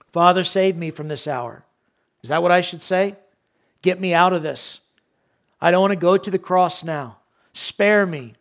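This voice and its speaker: Male pastor, high-pitched voice, earnest sermon delivery, pulpit microphone. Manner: earnest, swells for emphasis then drops low and quiet.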